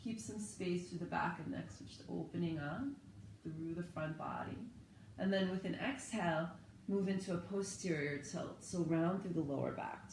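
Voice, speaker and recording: A yoga and meditation teacher in her thirties, with a low and slightly hoarse voice, gently guides a home yoga session, calmly cueing each inhale and exhale without hurry. The camera rests on the floor of an echoey living room, and a faint hiss runs behind her.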